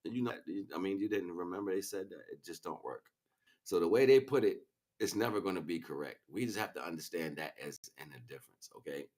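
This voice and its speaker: Here a deep, somewhat dark male voice moves a little fast with lively intonation. He's hosting a livestream as a spiritual teacher, delivering an improvised, casual lecture full of emphatic repetitions and regular check-ins with his audience.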